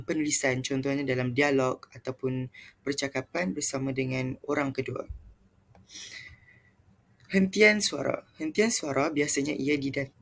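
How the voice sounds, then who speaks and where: A man's voice: medium pitch, vocal fry, fairly bright tone. A young man with a Malaysian Malay accent gives a student presentation on linguistics, reading steadily from his notes with small restarts.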